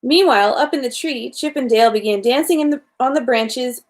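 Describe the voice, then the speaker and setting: Reading a bedtime tale for children, this female storyteller uses a higher voice and goes a little fast, with an informal, somewhat unpolished style.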